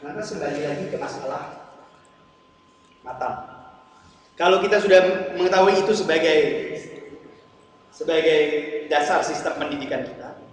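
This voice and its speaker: High-voiced man lecturing in an echoey hall. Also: moderate pace, pauses often. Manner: didactic, keeps checking with the audience by asking "ya kan?". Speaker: lecturer at a religious congress. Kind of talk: religious lecture to an audience. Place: large lecture hall at a congress. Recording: very echoey hall from far off, faint noise.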